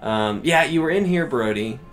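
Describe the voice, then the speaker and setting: A man chatting casually while playing a video game, rambling and excitable, with frequent restarts. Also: mid-range voice, normal speed, faint music behind. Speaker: let's play co-host. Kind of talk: casual gameplay chat.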